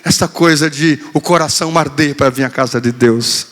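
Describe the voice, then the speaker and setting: A man's voice: a little high, moderate pace, fairly bright tone, long reverb tail. A male pastor preaching a sermon, telling a story in a playful way and acting out quotes. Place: church hall.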